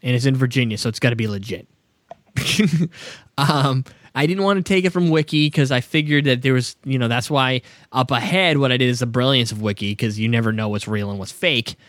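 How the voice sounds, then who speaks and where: A man's voice: medium pitch, a little fast, fairly bright tone, no room sound, clean studio sound. Joking male podcast host reading facts. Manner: joking, reads facts aloud with asides, laughs often. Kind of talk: casual chat.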